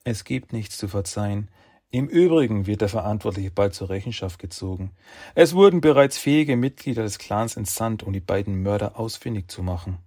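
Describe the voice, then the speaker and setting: A man's voice: fairly low pitch, fairly quick, warm tone, no echo, clean studio sound. A man voicing cold, menacing, authoritative clan elders in a dramatic audiobook. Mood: cold, formal. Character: three shadowy clan elders, cold, monotone, commanding, menacing.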